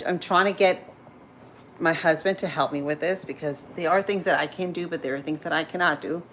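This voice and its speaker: A woman in her thirties with a Spanish-influenced accent hosts a casual morning livestream, cooking as she chats and answers viewer comments along the way. She's chatty and rambling, with a mid-range, slightly bright voice.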